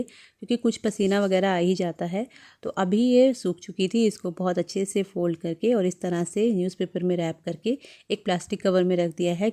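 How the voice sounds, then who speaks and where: A woman in her thirties talks through her home vlog as a voice-over, gentle and chatty as she hands out homemaking advice. Her voice sits a little low and sounds mellow and warm. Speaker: homemaking vlogger.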